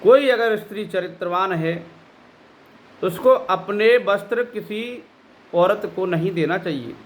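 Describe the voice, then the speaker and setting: A man's voice: sits high, measured pace. A male spiritual teacher giving a devotional talk, scolding and admonishing his listeners. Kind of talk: devotional discourse.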